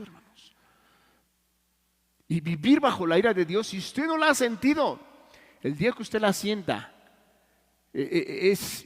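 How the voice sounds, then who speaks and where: A man preaching a sermon in Mexican Spanish, telling stories earnestly and swinging between loud and hushed. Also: sits high. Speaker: pastor. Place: church hall. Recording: long church reverb.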